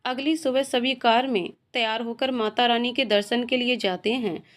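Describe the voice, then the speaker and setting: A woman tells a romantic family story as a reader, carrying the narration in a steady storytelling voice. Her voice sits a little high for a woman. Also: moderate pace. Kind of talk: reading a romantic story aloud.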